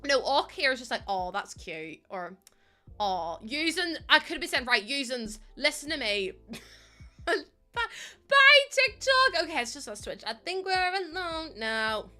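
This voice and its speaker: Chatting casually with her live chat, a young woman from Northern Ireland giggles and uses local slang over faint background music. Her high-pitched voice swings widely and stays unhurried, bright and forceful.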